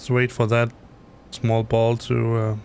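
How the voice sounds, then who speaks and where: In a home basement room, a middle-aged Danish man chats on a live stream while flying a simulator, rambling and correcting himself with many fillers. His Danish-accented voice is mid-range, creaky and darkish, monotone and unhurried, with slight background noise.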